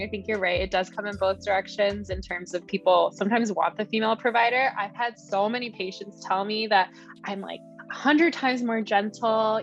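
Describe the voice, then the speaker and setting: A woman's voice: medium pitch, highs cut off. A woman dentist as a panel guest, agreeable and chatty. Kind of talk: casual panel chat.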